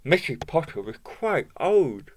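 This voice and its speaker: A man reads a children's picture book aloud at home. His voice is a little high and rises and falls a lot, and he takes his time. Now and then he stops to ask the listener what they can spot. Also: a little slow, slight background noise. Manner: lively, asks the listener questions, points to pictures. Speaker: storybook reader.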